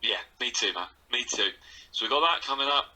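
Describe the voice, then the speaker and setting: A man's voice: mid-range voice, a little fast, pushed and bright, low-quality recording. A man co-hosting a football podcast, chatting casually with lots of laughs and banter. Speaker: podcast co-host. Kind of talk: casual chat.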